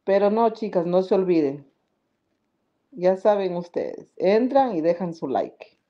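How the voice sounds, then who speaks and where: A woman's voice: on the low side, big pitch swings, unhurried, muffled recording. A woman hosting a casual live stream, chatty and laughing often as she greets viewers by name. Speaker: podcast live-stream host. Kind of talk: casual live-stream chat reading comments.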